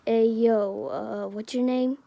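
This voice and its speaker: Woman doing a drowsy, flat-voiced male teacher. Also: on the high side, slow pace, vocal fry, no echo.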